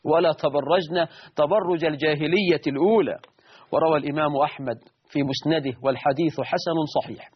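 A man preaching a sermon in an Egyptian Arabic accent, emphatic, rising sharply on key words and slowing down to stress lists. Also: on the high side, dull audio, a little hiss or hum.

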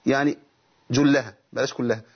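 A man's voice: mid-range voice, steady tone, fairly quick, vocal fry, breathy edge, dull audio. A middle-aged man with an Egyptian accent teaching Quran recitation rules on a TV lesson. He asks himself questions and then answers them, breaking off to demonstrate recited verses. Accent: Egyptian Arabic.

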